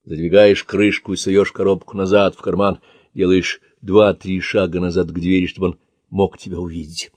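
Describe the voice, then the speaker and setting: Low-voiced male audiobook narrator. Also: flat delivery, normal speed, darkish tone, dry recording. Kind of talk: scripted second-person narration.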